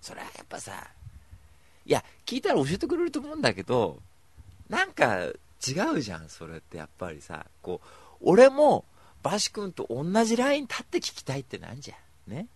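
A man hosting a radio show, rambling through stories in an emphatic, animated way. His voice has a gravelly, creaky texture, and his pitch moves a lot as he talks. The sound is dry and close on a studio mic. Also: fast, no echo. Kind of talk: casual solo radio talk.

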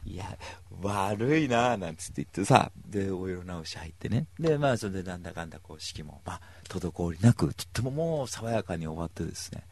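Brief: male talk host, husky lively delivery, dry close mic. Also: low voice, fast talker, hardly any pauses, no room sound. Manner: animated, acts out other people's lines in voices. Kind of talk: casual storytelling monologue.

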